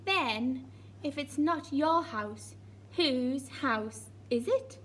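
A woman's voice: high voice, expressive, drawn-out words, fairly bright tone, a little hiss or hum, heavily acted. Woman reading as a puzzled father bear.

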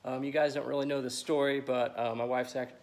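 A man's voice: medium pitch, little pitch movement, brisk. A young man chatting casually as a vlogger, talking into a phone held at arm's length. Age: young adult. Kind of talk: casual vlog chat. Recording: slightly noisy phone recording.

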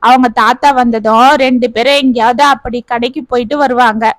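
A woman voicing a caring older grandmother who calmly reasons with her husband. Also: a little high, fairly quick, no echo, lightly acted. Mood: gentle. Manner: soothing, reasoning gently.

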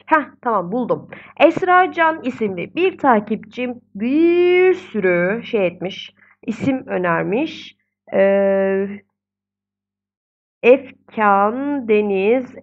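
A woman's voice: mid-range voice, muffled recording. A young woman casually commenting on her own gameplay. She chats, gets exasperated, and coos at the babies in the game. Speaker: gaming video host.

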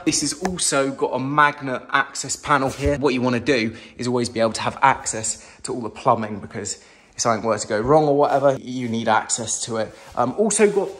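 A young man from England, a home renovation vlogger, speaks in a mid-range, slightly bright voice while casually touring his renovated house. He's enthusiastic and chatty with casual slang, filming first-person on a handheld phone as he moves through a large kitchen.

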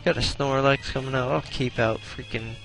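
A young man commenting on his own gameplay, excitable and profane, groaning and exclaiming at every setback. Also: medium pitch, moderate pace, vocal fry, soft background music.

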